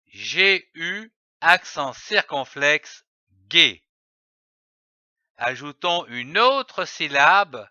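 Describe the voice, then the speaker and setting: A man teaching children to read, sounding out and spelling syllables slowly and carefully. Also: on the high side, bright, forceful tone, no echo, dull audio. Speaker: reading teacher. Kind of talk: slow syllable-by-syllable reading lesson.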